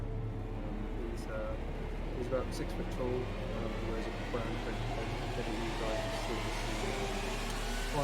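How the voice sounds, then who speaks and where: A man introducing his tabletop game character, talking hesitantly with many pauses and ums. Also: on the low side. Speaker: player.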